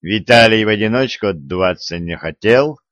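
A man reading a story aloud as an audiobook narrator, unhurried, lightly voicing the characters. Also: fairly low pitch, animated, a bit bright, no echo. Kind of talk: scripted narration. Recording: dry, dull lo-fi recording.

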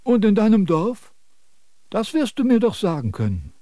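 An actor playing a self-important sage who lectures and scolds in a radio drama. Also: male voice, high-pitched, huge pitch swings, normal speed, mellow, no echo, studio quality. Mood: lecturing. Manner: pompous, preachy, scolding.

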